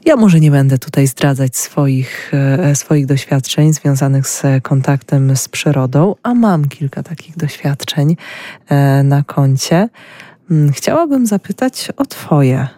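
Slow, mellow-voiced woman radio host. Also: sits low, lively intonation, dry recording. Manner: slow, measured, searching for words. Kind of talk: radio interview.

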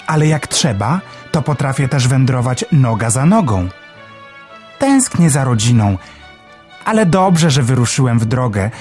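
Brief: eager little male sparrow for a children's audiobook, high, sing-song and cheerful, put on by a male reader. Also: darkish tone. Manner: chirpy and eager. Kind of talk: storybook audiobook reading.

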